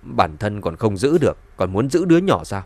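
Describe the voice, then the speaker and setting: A man's voice: lowish voice, sing-song, normal speed, breathy edge, no room sound, heavily acted. A man voicing a sneering, scheming grandmother. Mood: scornful. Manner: scornful, mocking. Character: sharp-tongued scheming grandmother, sneering and quick to anger.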